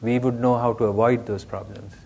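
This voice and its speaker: A man's voice: medium pitch, fairly even intonation, brisk, mellow, a little hiss or hum. A man giving a conversational dharma talk as a meditation teacher, often asking his listeners questions.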